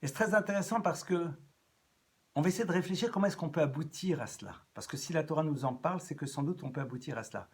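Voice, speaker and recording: Animated man lecturing as a rabbi. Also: fairly high pitch, fast. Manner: animated, with sudden loud rises and soft drops; repeats and restarts phrases as he talks. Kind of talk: evening lecture to an audience.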